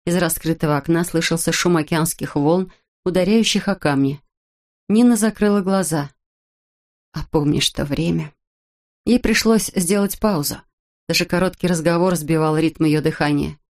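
A woman reads an audiobook in a measured, steady manner. Her voice sits somewhat low for a woman. The delivery stays even and unhurried. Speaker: narrator. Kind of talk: audiobook narration.

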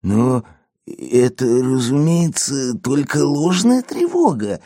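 A man's voice: medium pitch, very animated, takes it slowly, dark tone, dry recording, studio quality. A man voicing a sly, sour male schemer who mutters in a storybook reading.

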